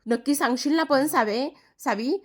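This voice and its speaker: A woman's voice: high-pitched, normal speed, pitched above the performer's own voice. A woman voicing a timid, newly married young woman who speaks hesitantly and pleads. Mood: pleading.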